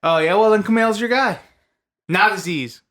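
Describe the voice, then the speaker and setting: A man co-hosting a podcast in casual chat, an animated joker who teases the others. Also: high-pitched, normal speed. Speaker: podcast co-host.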